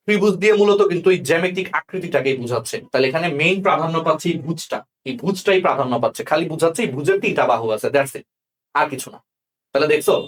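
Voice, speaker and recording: Young man, tutor, rapid delivery, slightly high voice, keeps asking if students follow. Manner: checks understanding often with quick questions. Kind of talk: exam-prep grammar lesson.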